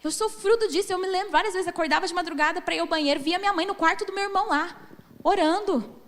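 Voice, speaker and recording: Brazilian woman pastor, 30s, high voice, emphatic sermon delivery, long church-hall reverb. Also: fast, a bit bright. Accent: Brazilian Portuguese. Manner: preaching emphatically, addressing the congregation as brothers.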